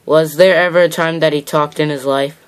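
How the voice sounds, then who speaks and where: The host of a homemade puppet show, reading viewer questions aloud in a halting way. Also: medium pitch, fairly even intonation, clean tone.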